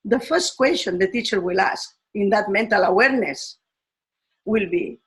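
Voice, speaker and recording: A Spanish woman whose first language is Spanish, a teacher, gives a slow and thoughtful talk about education in a medium-pitched voice. She pauses often and restarts her phrases, and the recording quality is low.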